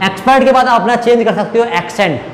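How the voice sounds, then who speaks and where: A man's voice: very high-pitched, fast, roomy sound, long reverb tail, slight background noise. A man whose first language is Hindi, teaching spoken English and explaining step by step, often checking that students follow. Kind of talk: classroom lecture.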